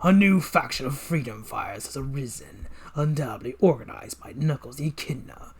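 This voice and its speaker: A man's voice: mid-range voice, animated, normal speed, husky. A man voicing a grandiose, scheming villainous mad scientist in a pompous, theatrical way for a comic read-along. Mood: commanding.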